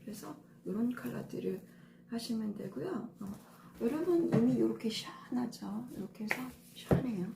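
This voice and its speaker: A woman's voice: on the high side, lively intonation, normal speed, creaky, noisy background. A middle-aged woman stylist giving a casual lesson on color coordination, patient and step by step with many fillers. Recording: echoey room with faint ambience.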